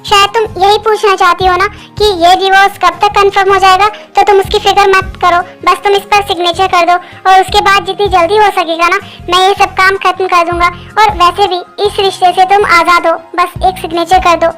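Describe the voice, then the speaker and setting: A woman voicing a hurt young husband in a Hindi fan dub, talking slowly and flatly. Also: extremely high pitch, faint music behind. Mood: cold resigned.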